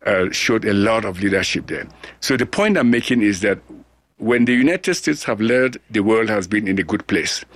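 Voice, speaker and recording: A middle-aged man from Cameroon speaks in a fairly low voice, earnest and deliberate, often restarting his sentences as he answers interview questions. The sound is close and dry, with no room around it. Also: fairly bright tone, no echo. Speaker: guest, global health scientist.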